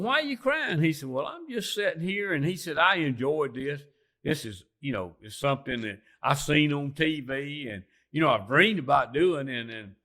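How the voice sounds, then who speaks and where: An older man with a Southern Alabama accent tells a story in a folksy, unhurried drawl. His voice has a bright, forward edge. He talks plainly, like he is spinning a yarn among friends. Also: mid-range voice. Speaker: guest, turkey hunter. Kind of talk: storytelling in casual interview.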